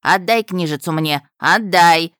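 A woman voicing a sly, desperate cursed toad spirit that howls and pleads in shrill outbursts. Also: sing-song, slow, fairly bright tone, no echo, clean studio sound, heavily acted. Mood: demanding.

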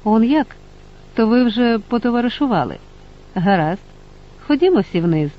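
A man's voice: very high-pitched, sing-song, normal speed, dull audio, voice pushed up. A man voicing a curious, talkative father who keeps asking questions. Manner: inquisitive.

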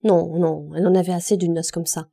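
A woman reading a classic novel aloud as an audiobook narrator, steady and measured. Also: on the low side, vocal fry, breathy edge.

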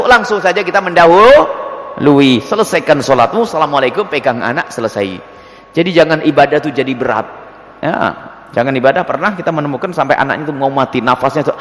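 A man preaching and answering religious questions before a congregation, acting out little scenes as he explains. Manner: lively, acts out scenes with swooping pitch. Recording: long hall reverb.

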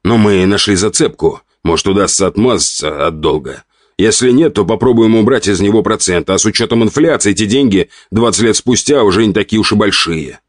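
A man's voice: fairly low pitch, a little fast, no echo, voice pushed up, natural voice. Guy doing a grouchy snarly count, audiobook, dry close sound. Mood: scornful. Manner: growling, contemptuous. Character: crude, irritable 48-year-old count.

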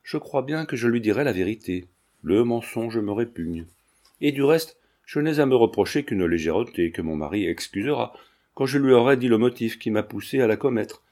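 A man's voice: mid-range voice, animated, moderate pace, mellow, natural voice. A man reading the part of a proud young marquise, reproachful and indignant, in an audiobook. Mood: earnest. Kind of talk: audiobook character voice.

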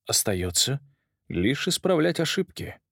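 A male reader voicing a calm, polite male curator who speaks in a measured way. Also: mid-range voice, vocal fry, dry recording, clean studio sound, voice pushed up, heavily acted. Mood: cool.

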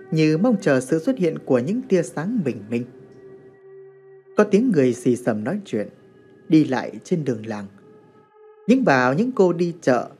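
A man narrating a horror story in a dramatic, expressive way. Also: on the high side.

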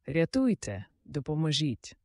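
A man's voice: a little high, lively intonation, a little fast, no echo, studio quality, natural voice. A man voicing a cruel, mocking fat giant in an audiobook. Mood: panicked. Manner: jeering, shouting. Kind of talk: audiobook character voice.

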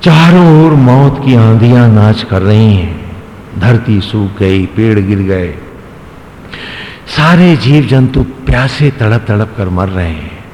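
A man's voice: lowish voice, slow, a little mellow. A male swami telling a devotional story in a sermon, with dramatic, rising and falling delivery. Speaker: swami, spiritual preacher. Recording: echoey hall, faint background noise.

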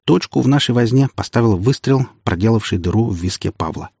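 A man narrating a first-person fantasy audiobook in a steady, even storytelling manner on a close studio mic. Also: mid-range voice, brisk, creaky, slightly rough, no echo.

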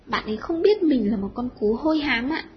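A woman voicing a loud, sharp-tongued schoolgirl with shrill outbursts. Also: big pitch swings, brisk, a little hiss or hum. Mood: scornful. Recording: dull lo-fi audio.

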